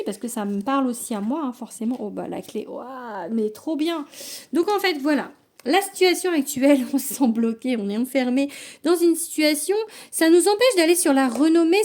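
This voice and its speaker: A woman with a high, soft, mellow voice talks casually to her viewers as she draws tarot cards. She reassures them, trails off, and restarts her sentences often, in a friendly, unscripted way. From France. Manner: chatty, reassuring, many fillers and restarts. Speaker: medium giving a tarot reading. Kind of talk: casual spoken card reading to camera.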